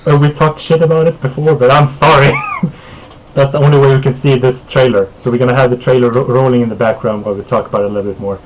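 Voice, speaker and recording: A Swedish man whose first language is Swedish hosts a casual streamed podcast, laid-back and quick to chuckle, using filler words and letting sentences trail off. His voice is mid-range with fairly even intonation, and the poor audio carries a little hiss or hum.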